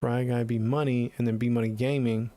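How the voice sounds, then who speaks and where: A middle-aged American man, a music production livestreamer, chats on stream from a small home studio, close to the mic. His mid-range voice is warm and brisk with little pitch movement, and his manner is laid-back and slangy.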